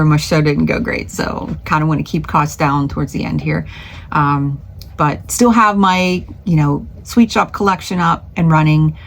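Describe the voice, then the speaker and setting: A woman's voice: deep voice, slight background noise. A middle-aged woman running a small craft business, chatting casually in a vlog from her home studio, rambling with lots of fillers and restarts.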